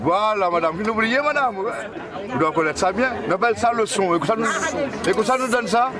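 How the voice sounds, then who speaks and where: At a noisy outdoor market, a corn mill vendor explains his corn products to visitors and quizzes them along the way. His voice is high and his pace normal, and he sounds lively over the loud crowd behind him.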